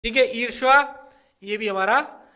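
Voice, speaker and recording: A young man coaching students for exams, walking through spelling questions and drawing out each word slowly as he explains it. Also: very high-pitched, sharp tone. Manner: repeats words slowly and drawn out, fills with "theek hai". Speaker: exam coaching teacher.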